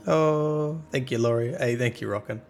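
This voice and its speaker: A man's voice: medium pitch, moderate pace, vocal fry, faint music behind. A man streaming live who reads game lore aloud casually, chatting with his audience and tripping over hard words.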